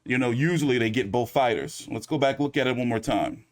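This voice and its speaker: A man's voice: mid-range voice, fairly quick. A man hosting a loose, rambling recap of a boxing press conference, cursing casually as he talks. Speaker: boxing commentary host.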